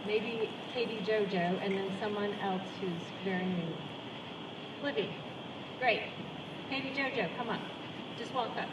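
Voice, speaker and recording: A woman's voice: mid-range voice, measured pace, long pauses. A choreographer and director, a woman, hosting a casual post-show Q&A outdoors, chatty and rambling and often cutting herself off. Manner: chatty, rambling, self-interrupting. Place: outdoor performance space. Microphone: handheld mic held away from mouth. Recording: distant echoey outdoor sound with loud traffic noise.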